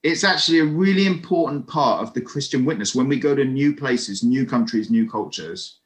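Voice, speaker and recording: A man giving a lively, conversational sermon over an online video call, with friendly asides to his listeners. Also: mid-range voice, moderate pace, slight background noise. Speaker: preacher.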